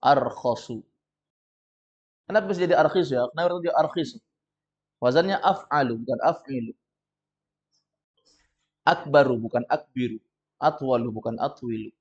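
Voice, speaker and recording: A man with an Indonesian accent leads a classroom lesson at an even middle pitch. He guides students patiently, spelling things out step by step and reading sentences slowly and loudly. The recording is muffled and lo-fi. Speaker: Arabic teacher. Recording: dull lo-fi recording.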